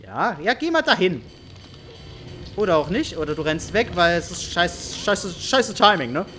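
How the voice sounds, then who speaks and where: A man's voice: sits high, big pitch swings, normal speed, sharp tone, soft background music. A man giving playful, teasing let's-play commentary over a horror game, mock-taunting the characters he hunts. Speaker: gaming YouTuber.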